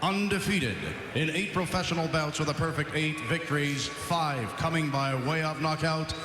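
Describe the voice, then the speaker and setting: Man, fight ring announcer, formal showman delivery, drawn-out names, slightly high voice, big reverberant arena, loud noise. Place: echoing arena at ringside. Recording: echoey noisy arena PA, long reverb.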